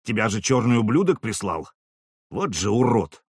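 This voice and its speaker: A man's voice: on the low side, big pitch swings, moderate pace, slightly rough, no echo, studio quality. A man voicing a drunk, crude male town guard sergeant who barks his coarse threats. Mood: gloating, threatening. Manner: barking, coarse, suspicious.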